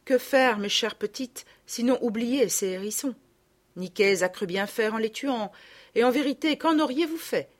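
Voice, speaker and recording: A calm, kind mother of a country house, read by a woman, reasoning gently with children, voice a little raised. Classic storybook narration. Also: a little high, normal speed, lightly acted. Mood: gentle.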